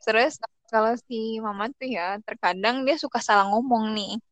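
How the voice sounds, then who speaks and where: A young woman, co-hosting a casual podcast and telling stories in an animated way, acting out the voices she quotes. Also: a little high, normal speed, no room sound. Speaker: podcast co-host.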